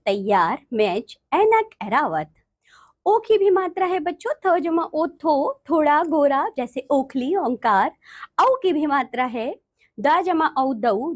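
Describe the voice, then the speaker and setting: A woman with a high voice teaches a grammar lesson to children. Her pitch rises and falls in a lively way, and she slows down to spell out each letter while talking straight to the class. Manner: slow, deliberate spelling-out of letters; addresses children directly.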